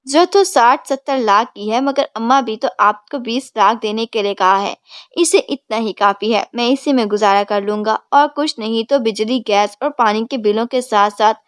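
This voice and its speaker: A man's voice: very high-pitched, a bit bright, clean tone, dry recording, studio quality. A woman voicing a cheeky young man who speaks to his father with sly, mock politeness. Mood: mock-polite.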